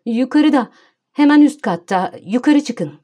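A woman's voice: medium pitch, a little fast, darkish tone, close to an everyday voice. A woman voicing a flustered young hospital nurse in an audiobook, sounding nervous and clipped. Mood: panicky. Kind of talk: audiobook character voice.

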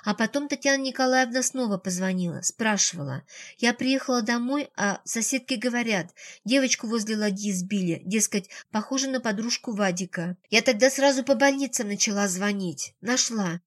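An urgent young woman, calming someone down, as a woman narrator gives her voice. She explains things quickly and plainly, in a voice a bit high. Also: natural voice. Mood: recounting.

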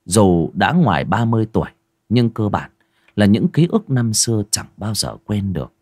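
A man narrating a ghost story in a lively, dramatic storytelling manner. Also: on the low side, normal speed, breathy edge, no room sound.

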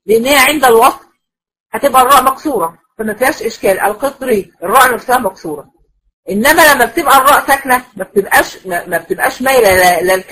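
Woman, Egyptian accent, recitation teacher, somewhat high voice, husky, patient and repetitive, asks the class checking questions. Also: fairly bright tone, poor audio. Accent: Egyptian Arabic. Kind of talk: classroom lecture.

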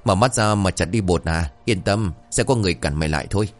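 Gruff old exorcist master, as a man puts him on. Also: low-pitched, fast, faint music behind, natural voice. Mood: commanding. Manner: barks orders and curses. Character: gruff old male exorcist master, bossy and short-tempered.

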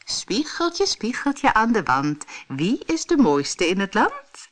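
A woman's voice: a little high, huge pitch swings, slow, a bit bright, voice pushed up, exaggerated voice. A woman doing a sly, wicked storybook queen. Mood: vain. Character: vain wicked queen disguised as peddler woman.

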